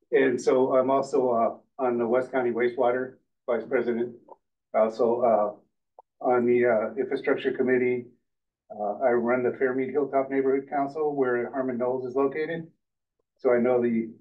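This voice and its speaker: This is an older man at a public meeting, working through a list of his roles with many halting pauses. His voice is very flat and level. The sound is distant and narrow, almost like a phone line. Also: mid-range voice. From Finland, raised in California. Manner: halting, many uhs, listing. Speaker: committee member, neighborhood council chair. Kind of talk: self-introduction at a public meeting.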